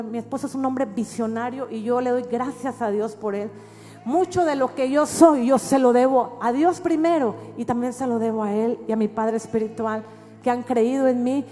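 A middle-aged woman pastor with a Mexican accent, telling a testimony in a sermon with animated storytelling that rises at times to shouts. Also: high voice. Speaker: pastor and prophet. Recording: reverberant hall with faint music.

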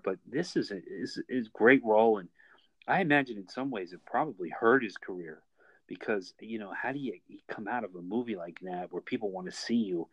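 A man's voice: fairly low pitch, dry recording, highs cut off. A man co-hosting a casual film discussion with a dry, wisecracking manner. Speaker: podcast co-host.

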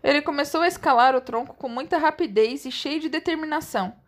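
A high-voiced woman reads a children's story aloud. Her narration is relaxed and playful, and she often slips into giggles. It sounds like a casual read-aloud among friends. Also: fast. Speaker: reader of a children's book aloud.

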